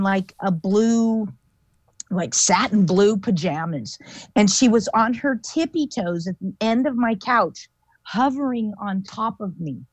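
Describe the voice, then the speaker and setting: A woman, a guest paranormal investigator, telling a story in an animated, chatty way with lots of fillers. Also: medium pitch, no echo. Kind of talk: casual storytelling interview. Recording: dull lo-fi dry audio.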